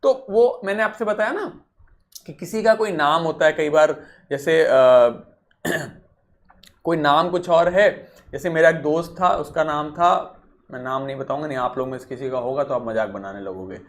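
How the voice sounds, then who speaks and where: A man's voice: a little high, normal speed. A male teacher giving a vocabulary lesson, who repeats key words and keeps asking the class rhetorical questions.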